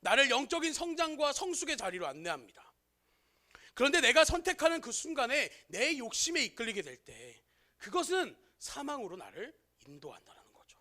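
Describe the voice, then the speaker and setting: A man's voice: extremely high pitch, sing-song, fairly quick, pushed and bright. A man preaching a sermon to teenagers as their youth pastor, often asking his listeners questions and telling an everyday story to make his point.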